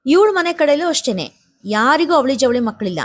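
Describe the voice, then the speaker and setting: A woman's voice: sits high, big pitch swings, fairly quick, voice pushed up. A woman reading a family storybook, voicing a suspicious woman relative who speaks in a pointed, insinuating way.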